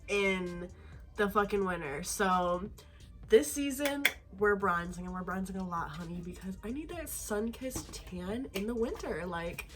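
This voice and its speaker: A young woman, tipsy and sassy, chatting in a slangy, giggly way as in a casual makeup vlog. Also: medium pitch. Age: young adult.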